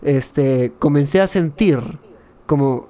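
A young man with a Peruvian accent, telling a personal story in an animated, slangy way, full of fillers, in a casual chat. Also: fairly high pitch, takes it slowly. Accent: Peruvian Spanish.

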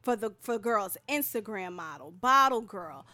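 A woman guest author in casual interview talk, animated, often saying "you know what I mean". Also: mid-range voice, measured pace.

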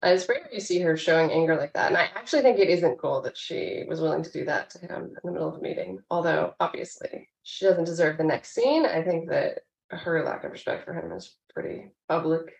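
A woman's voice: low-pitched, fairly quick, creaky, reverberant, rough recording. A woman co-hosting a podcast, recapping a TV episode in casual, chatty talk. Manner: chatty, animated recapping with frequent laughs. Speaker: podcast co-host.

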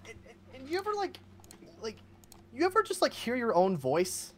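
Lively, swearing man chatting casually. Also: very high-pitched, moderate pace, slight background noise. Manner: animated, swears often, laughs a lot. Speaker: guest streamer. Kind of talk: casual podcast chat.

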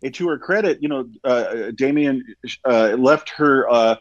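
A man's voice: mid-range voice, unhurried, no echo, highs cut off. A man co-hosting a podcast, giving a casual film review with emphatic points, stammering restarts and fillers. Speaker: podcast co-host.

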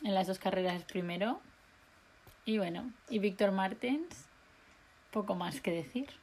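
A young woman, co-hosting a podcast in casual, excitable chat and laughing often. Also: medium pitch, unhurried, slightly rough. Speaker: podcast co-host.

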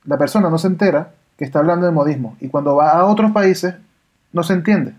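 A woman, chatting on a podcast as co-host, opinionated and animated. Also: low-pitched, brisk. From Venezuela. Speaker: podcast co-host, audio engineer. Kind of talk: casual podcast chat. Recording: dull lo-fi audio.

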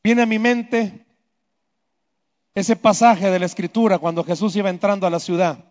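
A man preaching a sermon, swinging between loud emphatic lines and hushed low ones. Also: normal speed. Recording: echoey hall, dull lo-fi sound.

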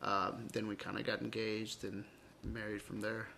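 A man's voice: fairly low pitch, little pitch movement, normal speed, gravelly, sharp tone, slight background noise. A man in his forties, born abroad and raised in the southern US, chatting as a podcast guest and telling stories animatedly with self-mocking asides. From Argentina, raised in Texas. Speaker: interview guest. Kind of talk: casual conversation.

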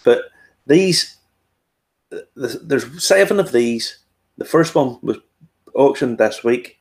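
A man's voice: mid-range voice, animated, slow pace. A man with a Northern Irish Ulster accent, hosting a tasting in casual chat, explaining things with asides and questions to himself. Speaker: whiskey tasting host.

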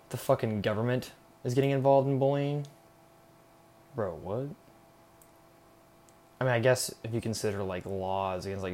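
Hosting his own podcast alone, a young man talks in a darkish, mid-range voice. The monologue is loose and unscripted, rambling and irreverent, laced with slang, sarcasm and curse words.

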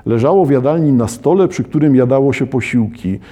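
A man's voice: mid-range voice, animated, a little fast, dark tone. A man reading passages from a novel aloud and breaking off into analytical, conversational commentary. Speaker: literature lecturer.

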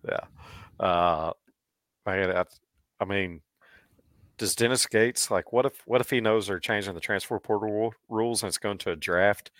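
A man with a Missouri accent talks sports in a loose, chatty way, laughing between points. His voice sits very low. The sound is dry and close. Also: normal speed, long pauses, a bit bright, no room sound. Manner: chatty, laughs often, restarts. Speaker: podcast co-host. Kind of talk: casual sports chat.

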